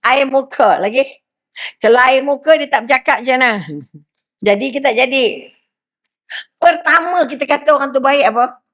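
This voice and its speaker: A middle-aged woman with a Malaysian accent delivers a religious lecture, her voice sitting a little high. She keeps it lively, turning to her listeners with questions and slipping into quoted voices. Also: normal speed, long pauses. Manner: lively, asks the crowd questions, acts out quotes. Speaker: preacher.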